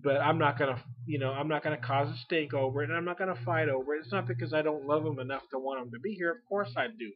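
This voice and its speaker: A man's voice: a little high, fast, hardly any pauses. A man in his forties chatting casually as a beer vlogger, rambling and folksy, laughing often between thoughts. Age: 40s. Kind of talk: casual chat. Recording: lo-fi home recording.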